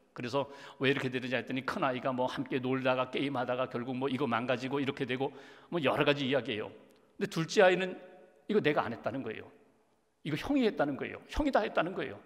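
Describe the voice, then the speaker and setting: Korean pastor preaching in a reverberant church. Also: male voice, mid-range voice. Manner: earnest, storytelling with emotional swells. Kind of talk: sermon. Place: church sanctuary.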